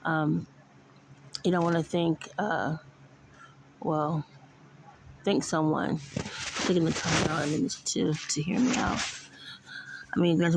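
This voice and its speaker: A middle-aged woman talking in a casual, rambling vlog monologue, swearing now and then and filling pauses with "you know.". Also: deep voice, vocal fry, background noise. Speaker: vlogger.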